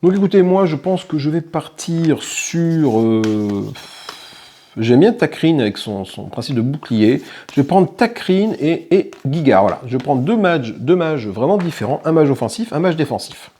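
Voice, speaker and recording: A man's voice: fairly high pitch, very animated, normal speed, mellow, a little hiss or hum. A man hosting a tabletop game channel, casually explaining a solo playthrough and thinking aloud with small self-corrections. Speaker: board game channel host.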